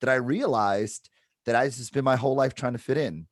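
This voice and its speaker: Middle-aged man, panel speaker, reflective, medium pitch, dry recording. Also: brisk, no room sound. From Detroit, Michigan. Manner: reflective, explains with repeated "right?". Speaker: panelist, advertiser. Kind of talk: panel discussion.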